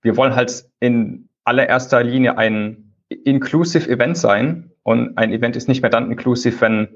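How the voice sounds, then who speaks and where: A man being interviewed over a low-quality phone call, explaining things at length in a loose, conversational way. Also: steady tone, moderate pace. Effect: low-quality phone call recording. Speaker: conference lead organizer, interview guest. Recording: dull lo-fi phone call audio.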